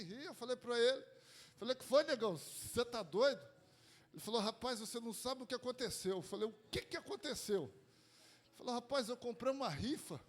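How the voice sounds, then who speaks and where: A man from Brazil, a pastor, preaching a sermon and telling a personal testimony, repeating phrases for emphasis. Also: extremely high pitch.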